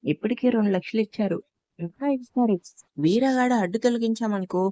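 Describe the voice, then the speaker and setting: Roni, a cocky swaggering henchman, sneering and threatening, close and dry, in a storybook reading, as a woman narrator puts him on. The voice sits fairly high with a mellow, warm tone. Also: fairly quick, no echo, muffled recording, natural voice. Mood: scheming. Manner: mocking, threatening. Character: cocky menacing male thug, swaggering henchman.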